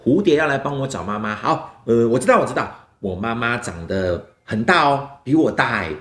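A man's voice: mid-range voice, animated, fairly quick, fairly bright tone, echoey room, natural voice. A man voicing a small, worried young monkey in a children's story, talking in a pleading, childlike way.

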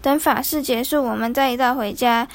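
A woman doing a calm, clever snake lady. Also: sits high, fairly quick, no room sound. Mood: assured.

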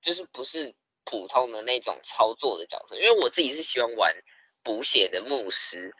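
A young man, telling stories in a casual podcast chat, animated and laughing often. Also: mid-range voice, moderate pace, husky, no room sound, muffled recording. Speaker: podcast co-host.

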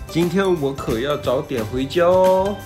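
A woman's voice: low-pitched, lively intonation, measured pace, voice pushed down. A woman voicing a cheerful father while acting out a picture book for young children. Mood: friendly. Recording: music behind the voice.

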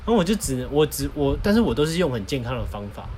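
A man's voice: mid-range voice, big pitch swings, racing, dark tone, a little hiss or hum. A man co-hosting a podcast, telling stories in a joking, boastful way. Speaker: podcast co-host. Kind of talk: casual chat.

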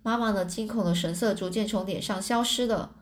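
A woman's voice: medium pitch, fairly quick. A woman reading a translated novel aloud in a plain storytelling manner, often stumbling and correcting herself. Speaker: storybook reader.

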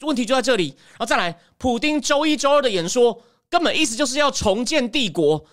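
A woman giving emphatic, animated political commentary as a podcast host. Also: on the high side, fairly quick. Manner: animated, emphatic, acts out quotes.

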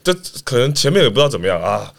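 A man talking very fast, his pitch bouncing up and down as he banters and laughs through team stories. Casual chat with quick comebacks. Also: big pitch swings, vocal fry, a bit bright. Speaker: guest basketball player.

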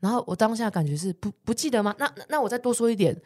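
A woman's voice: fairly high pitch, rapid-fire, breathy edge. A woman, co-hosting a podcast and telling a story in a casual chat, laughing often and acting out what others said. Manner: animated storyteller, swears, laughs often, acts out quoted people. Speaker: podcast co-host.

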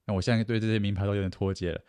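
A man's voice: lowish voice, level tone, rapid-fire, warm tone, clear, resonant tone, no echo. A man giving casual advice, chatty, acting out boastful people and laughing at himself. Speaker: self-help speaker.

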